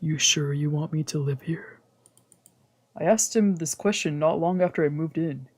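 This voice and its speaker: The game's visual novel music plays beneath a streamer who reads the story aloud at a moderate pace in a mid-range voice. It's scripted let's play narration, with the occasional stumble and a phrase read over again.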